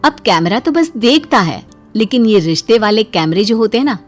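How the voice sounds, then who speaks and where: A woman narrating a cartoon story in a steady, plain storytelling manner. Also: mid-range voice, normal speed, faint music behind.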